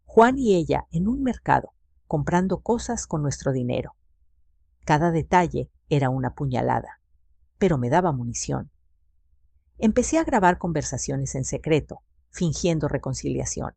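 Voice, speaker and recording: A woman tells a dramatic story of her own life with a husky, breathy edge in her voice. Her delivery is emotional and storytelling, and the sound is close and dry, with no room around it. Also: low voice, lively intonation, moderate pace, mellow, dry recording. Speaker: narrator. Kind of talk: dramatic first-person story narration.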